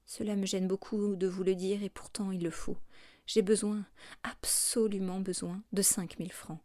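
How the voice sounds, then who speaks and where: A woman voicing a troubled, hypnotized noblewoman in an audiobook, speaking in a hushed, breathy voice that turns to tearful pleading. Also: medium pitch, level tone, normal speed, no echo, studio quality, lightly acted. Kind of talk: audiobook character reading.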